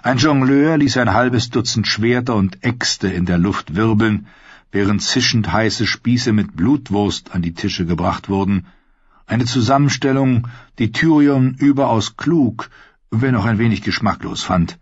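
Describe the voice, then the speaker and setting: A man reading an audiobook in a measured, unhurried way, with a husky voice. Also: on the low side, dry recording. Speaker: audiobook narrator. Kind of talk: scripted narration. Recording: dull, dry lo-fi audio.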